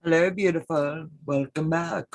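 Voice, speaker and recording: A woman co-hosting a casual sewing chat, unhurried and joking dryly. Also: deep voice, fairly even intonation, no room sound. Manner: unhurried, dry quips, laughs along. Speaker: co-host.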